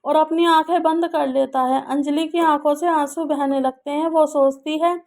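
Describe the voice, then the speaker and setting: A woman's voice: high voice, steady tone, moderate pace, a little mellow. A woman narrating an emotional love story in a sorrowful storytelling manner.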